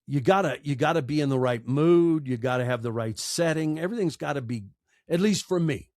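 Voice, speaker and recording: Speaking briskly in a slightly high, slightly mellow voice, a middle-aged U.S. man who narrates audiobooks and podcasts answers interview questions candidly and conversationally. He comes across earnest, emphatic and emotional, and the studio recording has no echo.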